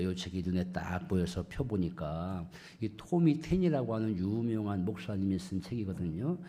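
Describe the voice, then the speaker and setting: A middle-aged man preaching a sermon as pastor. He plainly lists his own ailments, and he loudly mimics mocking scoffers before dropping low and soft. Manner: shifts into loud mocking voices of scoffers, then drops low and soft; self-deprecating, talks plainly about his own ailments.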